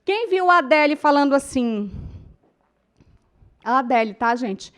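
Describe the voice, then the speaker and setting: Lecturing her public speaking class, this middle-aged Brazilian woman speaks in a high, animated voice at a measured pace. Her Brazilian Portuguese accent colors emotional storytelling, and she keeps addressing the room as "gente."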